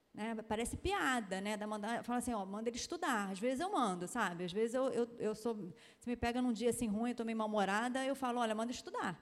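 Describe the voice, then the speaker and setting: A woman's voice: a little high, big-room sound. A woman pediatrician from Brazil giving a chatty, emphatic lecture-style talk, often ending phrases with tag questions.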